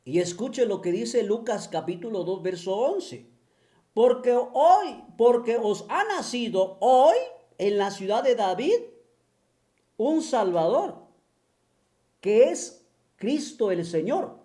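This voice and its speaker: A mocking monologue from a speaker, slow and drawn out, the pitch swinging widely. The tone is dark and mellow, taunting the listener with repeated rhetorical questions and a scornful chuckle. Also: animated. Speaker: online religion critic.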